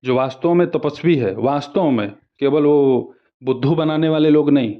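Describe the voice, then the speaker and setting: A man teaching a devotional practice, reciting Sanskrit mantras slowly and evenly between plain Hindi explanations. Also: a little high, highs cut off. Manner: slow measured chanting of Sanskrit verses. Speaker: spiritual teacher.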